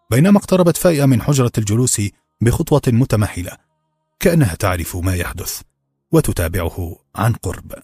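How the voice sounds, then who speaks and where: A man narrating a novel in brisk, even storytelling. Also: on the low side, slightly rough. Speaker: audiobook narrator. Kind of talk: scripted narration.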